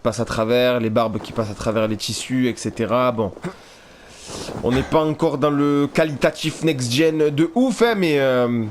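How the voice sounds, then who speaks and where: A man's voice: medium pitch, moderate pace, slight background noise. A man giving casual let's play commentary, chatting straight to his viewers.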